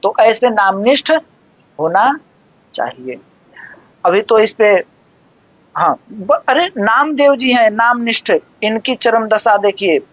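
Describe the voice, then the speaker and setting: Slow, measured devotional discourse voice. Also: medium pitch, animated, no echo. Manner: measured, explanatory, recites verses slowly. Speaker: devotional scripture expounder. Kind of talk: devotional discourse explaining scripture. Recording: dull lo-fi dry recording.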